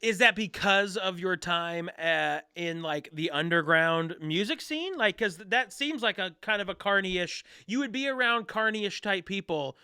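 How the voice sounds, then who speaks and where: High, bright-voiced halting male host. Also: animated, smooth, dry recording, clean studio sound. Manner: halting, repeats words as he searches. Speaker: podcast host. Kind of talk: casual interview chat.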